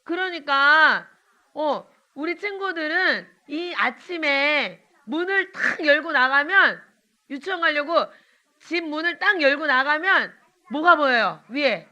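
Woman evangelist, children's sermon, high and very bright, sing-song questions to kids. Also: expressive. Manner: slow line-by-line prayer for children to repeat. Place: church.

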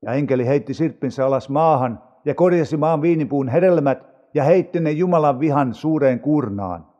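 Man reading bible aloud, slow and solemn, high-ish but mellow voice, long echo. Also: muffled recording. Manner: measured, unhurried reading. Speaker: audio Bible reader.

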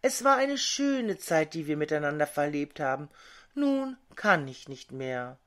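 Woman voicing a tired, fading carnation in a fairy tale, slow. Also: sits low, very animated, a bit bright, voice pushed down, heavily acted. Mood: weary. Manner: tired, farewell tone. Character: weary dying carnation.

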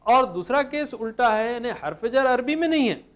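A man's voice: very high-pitched, expressive, normal speed. A man teaching grammar in a lecture, patiently repeating each example step by step. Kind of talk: classroom lecture.

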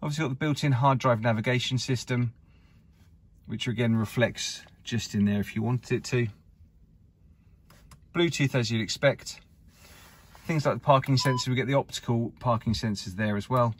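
A man's voice: mid-range voice, normal speed, a little hiss or hum. Upbeat man showing a car. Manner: upbeat salesman patter, filmed while walking. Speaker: car dealer presenting a used car. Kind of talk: walkaround car video. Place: indoor car showroom. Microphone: camera held by the speaker.

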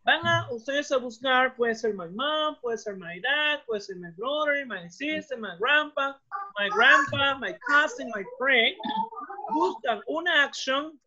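A man's voice: very high-pitched, expressive, slow, sharp tone. A man whose first language is Spanish, teaching English to children over a video call, encouraging and repeating each phrase and then translating it. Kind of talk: online class, mixing English and Spanish. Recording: dull lo-fi video call audio.

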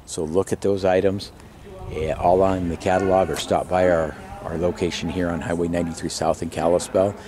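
Talking fairly quickly with a flat delivery in a low voice, a man gives a casual, unscripted walk-around as an auctioneer promoting a sale, moving from a large warehouse showroom to an outdoor lot. Crowd noise can be heard. A handheld camera mic operated from behind the camera records camcorder audio with faint background noise.

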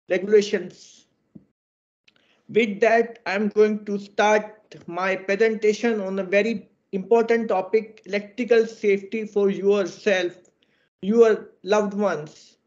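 A man's voice: sits high, darkish tone, highs cut off. A man with an Indian English accent giving a formal, earnest webinar presentation, heard through screen-recorded video call audio. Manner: earnest and exhorting, fond of idioms. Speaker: webinar presenter on electrical safety.

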